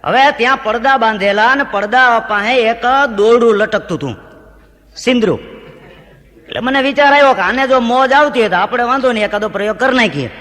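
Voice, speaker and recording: A man doing stand-up, telling Gujarati folk jokes to a live audience and shouting out the lines of the people in his stories. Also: very high-pitched, fairly quick, long reverb tail. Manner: animated joke-telling, shouts out the heckler's lines. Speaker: stand-up comedian.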